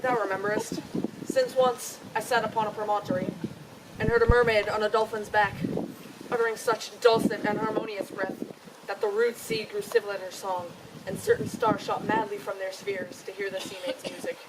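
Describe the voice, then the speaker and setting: A woman's voice: medium pitch, sing-song, moderate pace, creaky. A woman playing a jealous, commanding male fairy king in hammy, declamatory Shakespearean stage style. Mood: scheming, imperious. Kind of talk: theatrical Shakespeare stage performance. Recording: noisy live stage, distant microphone.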